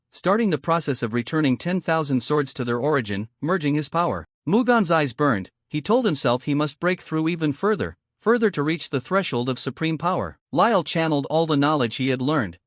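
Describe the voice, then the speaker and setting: Male recap narrator, scripted and even, dry close voice-over. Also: fairly high pitch, no room sound.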